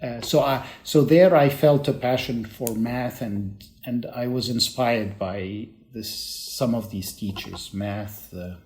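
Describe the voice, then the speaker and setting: An older man, born and raised in Egypt, answers interview questions as a professor. He talks in a measured way, pausing often with fillers and letting phrases trail off. The recording has a roomy echo. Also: medium pitch, darkish tone.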